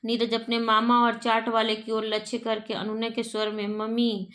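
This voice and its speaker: A woman's voice: a little high, monotone, normal speed, fairly bright tone. A Hindi teacher, a woman, reading a play's stage directions aloud.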